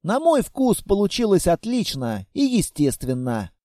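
Male audiobook narrator, wry, lively, high pitch, warm mellow tone. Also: measured pace, dry recording, clean studio sound. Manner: wry and lively, voicing every part. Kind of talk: first-person audiobook narration.

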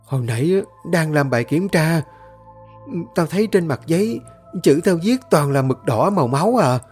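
A man's voice: a little high, lively intonation, normal speed, darkish tone, breathy edge, faint music behind, voice pushed up. A man voicing a frightened teenage schoolgirl who talks in a panicky, trembling way.

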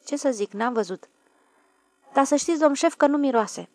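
A woman's voice: high voice, a little mellow, voice pushed up, close to an everyday voice. A woman voicing a blunt, plain-spoken rustic railway switchman in an audiobook. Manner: blunt, plain-spoken, deferential to his boss. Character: gruff rustic middle-aged male railway switchman. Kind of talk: audiobook character voice.

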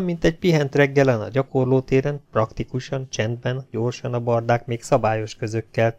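Guy reading an audiobook, gravelly fry in the voice, mid pitch, steady delivery. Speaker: audiobook reader. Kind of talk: audiobook narration.

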